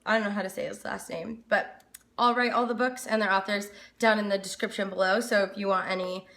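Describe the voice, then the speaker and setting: A woman's voice: mid-range voice, fairly even intonation, a little fast, creaky, a bit bright. A woman chatting casually and informally to camera as a book reviewer, rambling a little, recorded in an echoey room. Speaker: book reviewer, video host.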